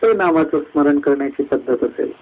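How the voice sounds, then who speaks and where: A man giving a devotional discourse at a satsang, climbing high through lists of words and slowing down on key phrases. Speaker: satsang speaker. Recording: tinny phone-like line.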